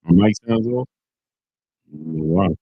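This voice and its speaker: Muffled deep-voiced man, as if through a wall. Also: moderate pace, breathy edge, no echo. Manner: loose, repetitive, talks straight to chat. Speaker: livestream host reading chat. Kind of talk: casual livestream commentary. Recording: muffled, lo-fi stream audio.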